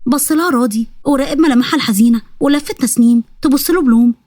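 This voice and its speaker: A woman with an Egyptian accent narrating a scripted story in a brisk, plain manner. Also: high voice, a little mellow, no room sound, clean studio sound.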